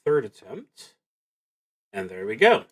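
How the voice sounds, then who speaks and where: Here a man with a lowish voice and big pitch swings streams a solo tabletop RPG. He reasons out his moves aloud in a halting, reflective way.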